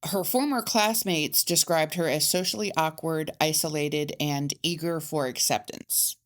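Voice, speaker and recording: A woman's voice: low-pitched, a little slow. A woman co-hosting a casual true-crime podcast, reading case facts with hesitant fillers. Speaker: podcast co-host telling the case.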